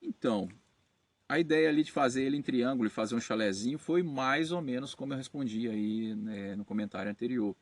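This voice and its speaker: A man's voice: medium pitch, a little fast, dry recording. A Brazilian man hosting his channel, casually answering viewer comments with many fillers and self-corrections. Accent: Brazilian Portuguese. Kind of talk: casual talk to camera.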